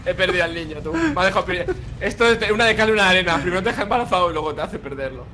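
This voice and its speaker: A man with a Spain Spanish accent giving casual gaming commentary, teasing his friend with jokes and shouting his name. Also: high voice, expressive, rapid-fire, vocal fry. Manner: teasing, joking, yelling names. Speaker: gaming YouTuber.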